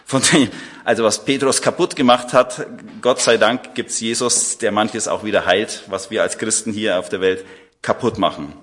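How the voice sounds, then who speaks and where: Man preaching with dramatic loud-soft swings. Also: moderate pace. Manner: dramatizes scripture quotes by acting them out; swings between soft, low asides and loud, emphatic bursts. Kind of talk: sermon with slides.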